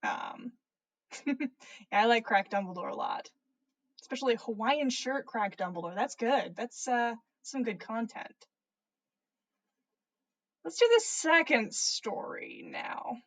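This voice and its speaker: An informal podcast host reads stories aloud with animation and chats casually on a livestream. Her slightly high voice swings hugely in pitch, and she speaks slowly with long pauses.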